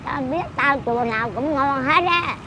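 High-voiced blunt woman in her eighties. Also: normal speed, noisy background. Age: 80s. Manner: blunt, teasing, scolds playfully. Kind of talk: casual chat.

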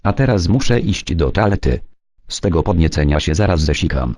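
A man with a low, dark voice voicing a scheming, lovesick young woman who swaps r for ł. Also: very animated, brisk. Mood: giddy. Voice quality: lisps r as ł. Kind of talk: amateur comedy voice acting.

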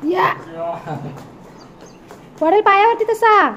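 A woman's voice: extremely high pitch, extremely slow, very noisy. A woman with an Agri Marathi accent, from near Thane, vlogging outdoors in a village yard and coaxing a toddler in a sing-song voice. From Bhiwandi area near Thane, India. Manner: sing-song and coaxing when talking to the child. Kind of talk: casual vlog narration while minding a toddler. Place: outdoors in a village yard under a coconut tree.

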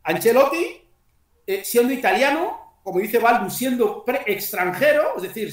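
A middle-aged man hosting an online panel discussion over a video call from a small tiled room, talking conversationally and groping for names. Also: very high voice. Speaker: host. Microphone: headset on a video call. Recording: echoey room, far from the mic.

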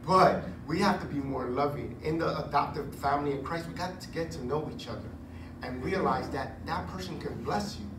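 A man in his forties preaching a sermon on a church stage into a handheld mic, chatty and animated with joking asides. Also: on the high side, moderate pace, recorded from a distance. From Puerto Rico heritage. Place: church stage with curtain backdrop. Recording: echoey room, recorded from afar, noisy.

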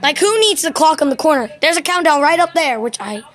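A woman's voice: sits high, animated, a little fast, fairly bright tone, slight background noise. A woman hosting a casual home video while watching a New Year countdown, giddy, laughing and counting down aloud. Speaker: channel host.

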